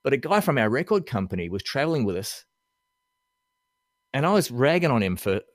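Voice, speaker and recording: An Australian man spins stories on a podcast, his pitch bouncing all over the place as he talks. The sound is close and dry, with no room around him. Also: fairly quick, no room sound. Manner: lively storyteller, laughs often. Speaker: podcast guest, musician. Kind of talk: casual podcast chat.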